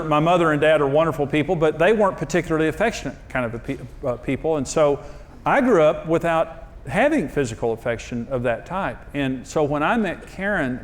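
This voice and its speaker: A man teaching on marriage through humorous, self-deprecating personal stories, told in an animated way. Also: on the high side. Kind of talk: personal storytelling talk.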